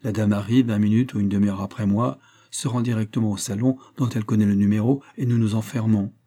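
Low, dark-voiced male narrator. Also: fairly even intonation, fast talker. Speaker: audiobook narrator. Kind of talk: scripted narration of a novel.

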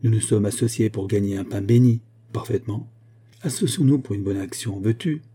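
A gruff, kindly café owner from a read-aloud tale, as a male narrator puts him on, speaking low and soothing with compassion. The voice is dark and husky. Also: brisk. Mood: persuasive. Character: worldly café owner, man, calm and kindly.

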